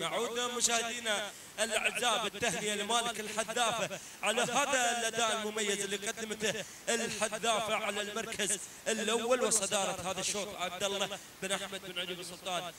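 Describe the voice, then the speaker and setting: An excited male race commentator, urging the riders on and repeating each line. His voice is strikingly high and piercingly bright. It sounds roomy and set back from the mic, with a faint hiss underneath. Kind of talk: live camel race commentary. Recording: echoey, distant, faint hiss.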